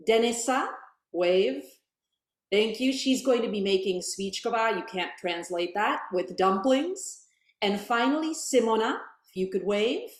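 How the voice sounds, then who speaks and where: A woman in her thirties moderating a virtual cooking class on a video call, upbeat and friendly, from a bright home kitchen. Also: on the high side, echoey room.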